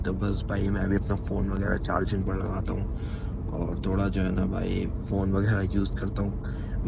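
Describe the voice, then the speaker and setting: A man's voice: lowish voice, gravelly, background noise. A young man from Pakistan with a Pakistani Urdu accent, chatting casually into a handheld phone for his travel vlog and often asking viewers whether he is right. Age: young adult. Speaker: travel vlogger.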